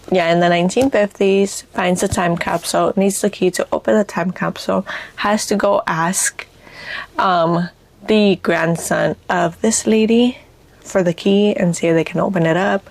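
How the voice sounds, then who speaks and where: A book vlogger with a raspy, fairly low voice chats casually and hesitantly about books. She sounds a little congested from allergies.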